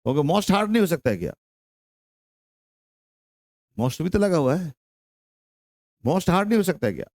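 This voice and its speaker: A man's voice: fairly high pitch, big pitch swings, a little slow, pauses often, a little mellow, no echo, studio quality. A young man with a Bihari Hindi accent teaching an English grammar lesson to a class, drawing out his words and repeating questions and answers.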